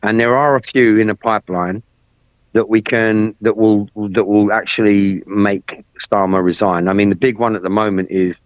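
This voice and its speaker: A man's voice: fairly low pitch, steady tone, moderate pace, no room sound. A man talking politics in a casual chat, blunt and full of swearing, often repeating himself. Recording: dry, dull lo-fi sound.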